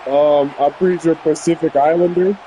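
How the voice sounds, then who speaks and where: A man's voice: on the high side, fairly even intonation, normal speed, dark tone, a little hiss or hum, low-quality recording. A young man chatting loosely and profanely while playing a football video game, laughing through his stories. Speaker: gaming streamer.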